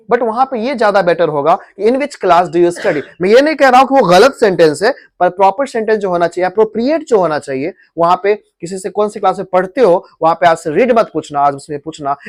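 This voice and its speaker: A man's voice: sits high, lively intonation, a little fast. A man with an Indian accent teaching English grammar to a class, repeating words and drilling pronunciation in Hindi mixed with English. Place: coaching classroom.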